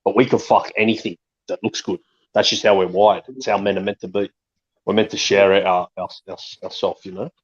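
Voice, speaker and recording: An Australian man with a husky voice chatting casually in street slang, saying bro and repeating himself for emphasis. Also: on the low side, flat delivery, brisk. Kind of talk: casual group chat. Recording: dull lo-fi audio.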